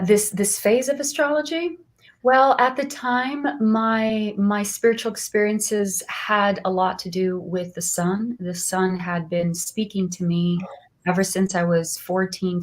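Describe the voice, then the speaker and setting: A woman, an astrologer guest telling her story in an earnest, soft-spoken way. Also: on the low side. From Brazil. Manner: soft-spoken, earnest, laughs often, frequent restarts. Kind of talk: warm personal interview storytelling.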